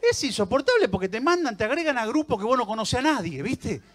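A man's voice: extremely high pitch, sing-song, fast talker, fairly bright tone. A man with an Argentine accent doing live stand-up comedy on a theater stage, teasing and chatting with the audience. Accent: Argentine Rioplatense Spanish.

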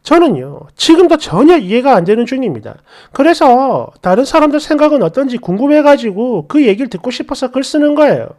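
A woman narrating a first-person story in an indignant, lively manner. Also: sits high, a little fast, few pauses. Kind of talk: dramatic story reading.

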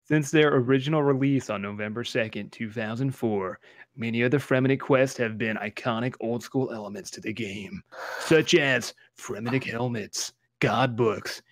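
A man's voice: medium pitch, normal speed. A man co-hosting a casual gaming podcast on a call, joking and swearing, reading lore aloud with mock drama. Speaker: podcast co-host.

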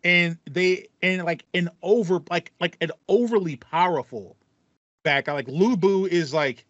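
Speaking on a video call headset from a small indoor room lined with foam panels, this man in his thirties co-hosts a casual video game podcast. He's enthusiastic and repeats phrases for emphasis, his high, slightly bright voice moving a little slowly. The recording is dry, with the highs cut off.

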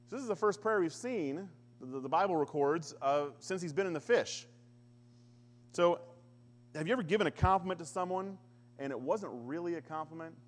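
Man, pastor preaching, conversational sermon, somewhat high voice, long church-hall reverb. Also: moderate pace. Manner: conversational preaching with humor, animated quoting of scripture.

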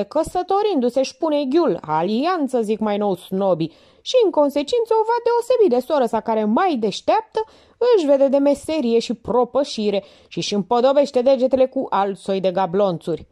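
Woman reading as a bossy storybook policewoman, loud and scolding, high and animated. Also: full character voice. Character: bossy sharp-tongued woman police officer.

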